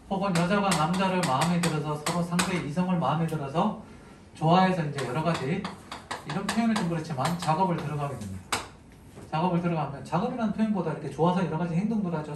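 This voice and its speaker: A man with a fairly high voice gives a chatty, joking literature lesson and keeps asking his students questions. He sounds a little far from the mic in a roomy, echoing space. A clear noise runs behind him. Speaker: Korean literature teacher. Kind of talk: casual lecture to exam students. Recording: echoey room, mic at a distance, noisy.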